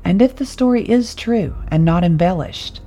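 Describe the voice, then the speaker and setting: A woman narrating a horror story in a calm, measured reading voice. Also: mid-range voice, rough recording.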